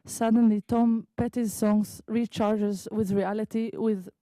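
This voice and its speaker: A woman from Israel, a native Hebrew speaker, slowly reading her own prose poem at an open mic in a library meeting room, with halting asides. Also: medium pitch, fairly even intonation, dark tone, dry recording, poor audio. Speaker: visiting writer reading her piece.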